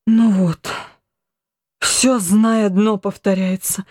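A woman reading an audiobook, voicing a weary old noble mother who slowly laments her family's troubles. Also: medium pitch, fairly even intonation, dark tone, no room sound, studio quality. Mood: exasperated. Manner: mournful, slow complaining.

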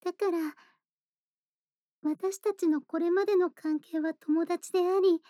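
A woman voices a shy, bookish young woman in a bedtime audio drama. Her voice is very high and mellow, recorded close and dry. She speaks politely and earnestly, measuring out each thought with gentle hesitation. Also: fairly even intonation, a little slow, dry recording. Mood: earnest, reflective. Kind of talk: soft bedtime voice-acted role-play, intimate monologue.

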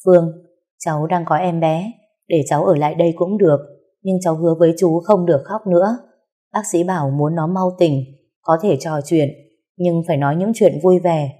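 A woman voicing an older man, a worried, grieving uncle who speaks softly and haltingly in a storybook reading. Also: on the low side, husky. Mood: gentle.

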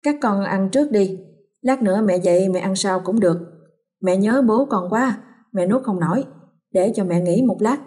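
A woman's voice: medium pitch, normal speed, mellow, natural voice. A woman voicing a cruel, scheming old mother who wails and snarls in a storybook tale. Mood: feigned weariness. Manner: wailing, then snarling and spiteful.

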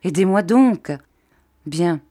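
A woman's voice: on the low side, animated, slow pace, dark tone, no echo, clean studio sound. A woman reading an audiobook, voicing a grief-stricken fisherman uncle who speaks impatiently and insistently.

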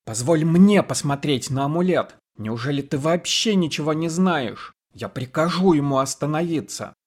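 A man's voice: a little high, lively intonation, moderate pace, pitched above the performer's own voice. A man voicing a scheming female ruler who speaks in a honeyed, mocking way. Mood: sly.

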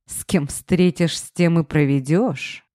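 A woman voicing a cold, irritated male boss with a gruff, clipped manner. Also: deep voice, unhurried, dark tone, no echo, clean studio sound.

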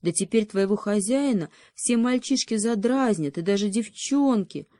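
A woman playing an excitable curious hare. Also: medium pitch, normal speed, no echo, natural voice. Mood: excited. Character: curious sympathetic male hare.

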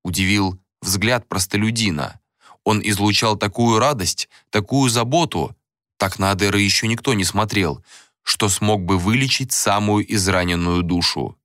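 A man reads a fantasy novel aloud in a low, measured voice with dramatic weight. The recording is close and dry, with no room around him. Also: a bit bright, no echo. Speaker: audiobook narrator. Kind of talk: scripted narration.

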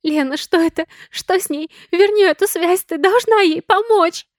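A woman voicing a desperate, tearful young woman who shouts and pleads in shrill bursts. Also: a little slow, dry recording, studio quality. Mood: frantic.

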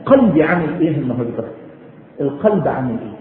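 A man's voice: fairly high pitch, big pitch swings, racing. A man with an Egyptian Arabic accent preaching a religious sermon in colloquial speech, exhorting listeners with emphatic rhetorical questions and recited quotations. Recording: tinny phone-like sound, echoey room, noise.

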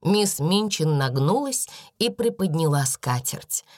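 A woman narrating a classic story aloud in an expressive storytelling manner. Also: low-pitched, slow pace, dry recording, clean studio sound. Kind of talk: audiobook narration.

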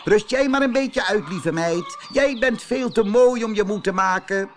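A man voicing a bossy, strutting rooster who barks shrill commands in a storybook reading. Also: measured pace, slight background noise. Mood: fawning.

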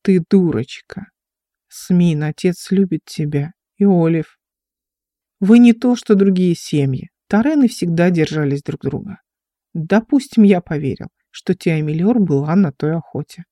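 Brief: reader voicing an injured young officer, teasing, dark mellow tone. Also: medium pitch, unhurried, dry recording, clean studio sound, natural voice. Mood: firm.

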